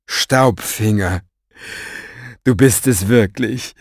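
A man voicing a pompous, fawning, tipsy grown man with a loud, drawling, theatrical delivery in an audiobook reading. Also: medium pitch, lively intonation, a little slow, slightly rough, dry recording, studio quality. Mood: awed.

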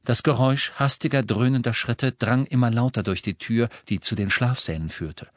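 A man narrating a fantasy audiobook with measured, dramatic storytelling. His voice sits at an ordinary male pitch. The recording is dry and close, with no room sound. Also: no echo. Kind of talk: scripted narration.

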